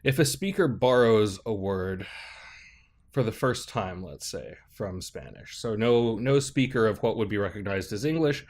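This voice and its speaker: Expressive and low-voiced, this man is a professor appearing as a podcast guest. He works through ideas thoughtfully and at a measured pace in explanatory interview talk, frequently tossing in "right?"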